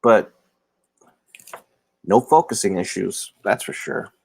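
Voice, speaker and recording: Male streamer, casual chat, slightly low voice, dry close recording. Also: lively intonation, takes it slowly, vocal fry, a little mellow, slightly rough, no echo. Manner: rambling, self-deprecating, talks to chat viewers. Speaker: livestream host. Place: indoor room. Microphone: phone or laptop camera mic.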